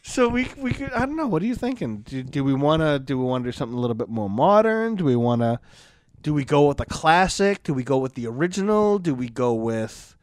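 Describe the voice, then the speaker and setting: A man co-hosting a podcast, chatting casually with jokey deadpan asides. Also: fairly high pitch, brisk, dry recording. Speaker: podcast co-host. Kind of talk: casual chat.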